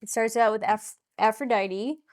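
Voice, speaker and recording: A woman's voice: a little high, fairly even intonation, moderate pace, very noisy. A woman co-hosting a podcast, casually recapping a TV episode in a chatty, explaining way. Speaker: podcast co-host.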